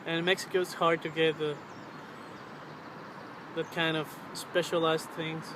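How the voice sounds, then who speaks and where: A man in his twenties talks casually in a slightly high, fairly monotone voice, pausing and searching for words. He is outdoors on a camera's built-in mic, with clear traffic and ambient noise behind him. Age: 20s. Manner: hesitant, halting, searching for words. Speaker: vlogger. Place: outdoors on a riverbank under a road bridge. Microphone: camera's built-in mic at arm's length.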